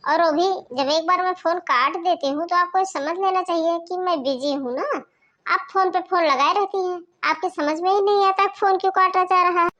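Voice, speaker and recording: A rude, impatient sister-in-law from a cartoon, as a woman voices her. She talks loudly and curtly, and her voice is high. She scolds in clipped, irritated lines. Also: normal speed, highs cut off. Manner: loud, scolding, curt. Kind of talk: cartoon voice acting.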